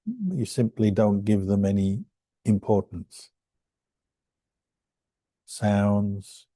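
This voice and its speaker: Speaking as a monk and teacher, a man leads a guided meditation in a calm, gentle voice, leaving unhurried pauses between phrases. His voice sits lowish, and there is no echo.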